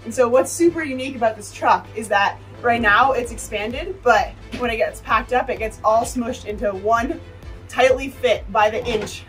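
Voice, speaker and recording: A woman's voice: on the high side, recorded from a distance. A woman in her twenties giving a cheerful, chatty walking tour of a ski truck and apartment, filmed on a handheld phone. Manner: upbeat, chatty, enthusiastic. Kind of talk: casual tour vlog. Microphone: handheld phone camera.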